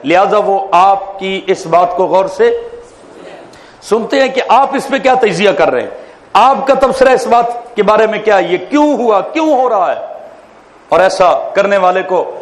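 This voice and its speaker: A man, a mufti, giving an animated classroom lecture on public speaking, quizzing his listeners and telling jokes. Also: high-pitched. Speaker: mufti teaching a course. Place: lecture hall.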